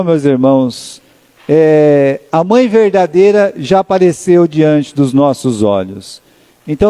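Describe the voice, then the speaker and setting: A male pastor with a Brazilian Portuguese accent preaching a sermon in a chatty, storytelling manner, often tagging questions onto his sentences and slowing down to read scripture. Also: a little high, mellow. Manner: conversational storytelling, frequent tag questions, slows to read scripture. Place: church sanctuary. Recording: long church reverb.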